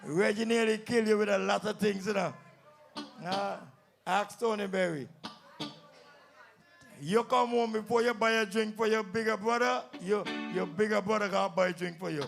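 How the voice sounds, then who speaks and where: A Kittitian emcee and comedian works a live calypso tent stage in St Kitts, teasing audience members directly with playful banter. His high voice is creaky and fairly even in intonation, at a normal pace, with faint music behind him.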